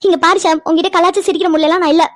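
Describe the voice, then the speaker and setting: A woman's voice: extremely high pitch, fairly even intonation, rapid-fire. A woman voicing a sulky young woman in a cartoon who protests and stammers when cornered. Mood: flustered. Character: young woman Aishwarya, sulky and easily upset. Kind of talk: cartoon voice acting.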